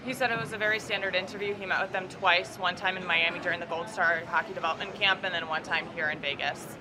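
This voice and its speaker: A man working as a live interpreter at a media scrum, briskly relaying a player's answers in the third person. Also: sits high, steady tone, background noise. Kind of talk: live consecutive interpreting between Russian and English. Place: media scrum at a draft event.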